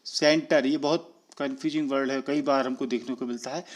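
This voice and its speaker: A man from India teaching an English lesson in a slow, deliberate way, spelling words out and repeating example words. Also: mid-range voice, fairly even intonation. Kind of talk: explaining lesson.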